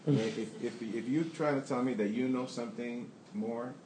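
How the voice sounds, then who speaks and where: A man's voice: mid-range voice, moderate pace, darkish tone, echoey room, a little hiss or hum, low-quality recording. A man who owns a plumbing business, answering audience questions candidly and rambling with restarts. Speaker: plumbing business owner on a panel.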